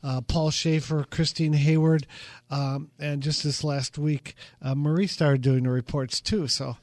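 Chatty radio host, fairly high voice. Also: male voice, fairly even intonation, unhurried, a little mellow, dry recording. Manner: chatty, self-deprecating, loose with fillers. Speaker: investment firm head, show host. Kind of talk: casual radio talk. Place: radio studio. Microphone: studio microphone.

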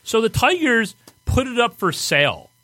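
Animated, high-pitched man with a Michigan accent. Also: moderate pace. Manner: profane, exasperated storyteller. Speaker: podcast host. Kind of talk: casual storytelling banter.

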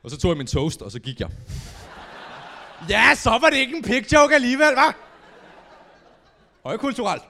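A young man performing a stand-up comedy set on stage, telling stories animatedly and acting out quotes with sudden shouts. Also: very high voice, pauses often. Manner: animated storytelling, acts out quotes with big shouts. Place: comedy stage before a live audience.

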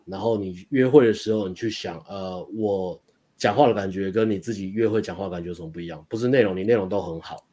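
A man's voice: lowish voice, darkish tone. A young man, a dating coach, telling a story in casual chat, rambling and restarting as he goes. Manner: rapid, rambling retelling with frequent restarts and laughs.

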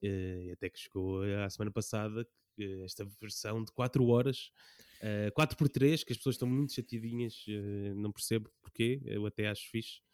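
Clear, close man chatting. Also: fairly low pitch, fairly quick, darkish tone, no room sound. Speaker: podcast co-host. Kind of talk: casual film discussion.

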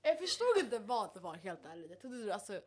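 A young woman co-hosting a casual podcast, chiming in with quick remarks and questions. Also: mid-range voice, big pitch swings, crowd noise. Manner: quick interjections, asks questions. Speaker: podcast co-host. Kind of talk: casual chat among friends.

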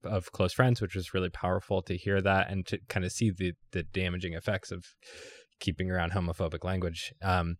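A man's voice: sits low, flat delivery, a little fast, dry recording. A young man in casual chat, telling a story in a rambling way with lots of restarts, laughs and swearing.

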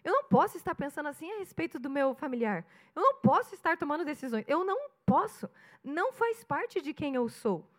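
A woman's voice: sits high, fairly quick. A woman pastor in her thirties from Brazil with a Curitiba accent, preaching a sermon and acting out little dialogues as she tells stories. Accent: Brazilian Portuguese, Curitiba. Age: 30s. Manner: animated storytelling, acting out dialogue.

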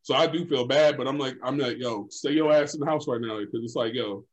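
A young man co-hosting a casual chat, telling stories in an animated, profane way, full of filler phrases. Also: medium pitch, brisk, low-quality recording. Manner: animated, profane storytelling full of "like" and "you know what I'm saying".

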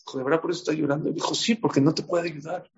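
Man giving a sermon, gravelly voice. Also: on the high side, steady tone, rapid-fire. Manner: storytelling, asks the audience questions. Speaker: rabbi. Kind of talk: sermon with stories. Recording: dull lo-fi recording.

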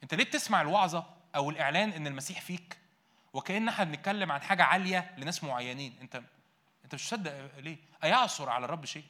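A man preaching a sermon in an Egyptian Arabic accent, firing questions at his congregation and answering them himself, swinging between loud bursts and quiet asides. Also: a little high, rapid-fire.

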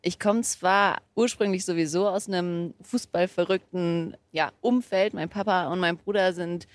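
A woman's voice: on the low side, steady tone, moderate pace, no room sound. A woman of Portuguese family speaking frankly in an outdoor interview. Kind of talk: casual interview.

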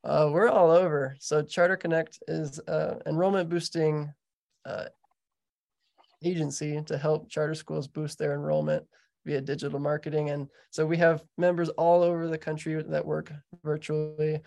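An American man with a creaky, gravelly voice hosts in a casual way. His conversational delivery suits a relaxed podcast interview. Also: fairly high pitch, normal speed. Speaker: podcast host.

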